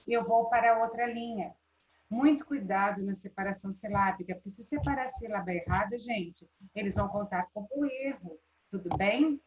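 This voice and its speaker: A woman's voice: mid-range voice, moderate pace. A woman teacher with a Brazilian Portuguese accent giving a live online class, checking in with students often. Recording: roomy, dull lo-fi sound.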